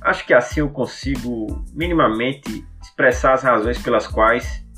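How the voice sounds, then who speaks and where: A man's voice: medium pitch, normal speed, bright, forceful tone, faint music behind. A man, hosting a reflective scripted podcast monologue. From Natal, northeastern Brazil. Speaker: podcast host.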